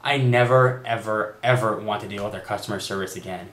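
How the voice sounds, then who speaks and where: A man's voice: lowish voice, brisk, a bit bright. A young man vlogging a direct-to-camera rant, telling an exasperated story and quoting phone agents in a raised voice. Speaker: tech vlogger. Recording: echoey room.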